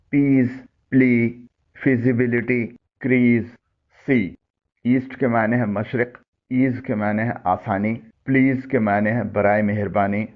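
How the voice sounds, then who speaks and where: A man teaching English pronunciation, slowly listing words and giving their meanings. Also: fairly low pitch. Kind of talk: instructional word-list lesson. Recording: dull lo-fi audio.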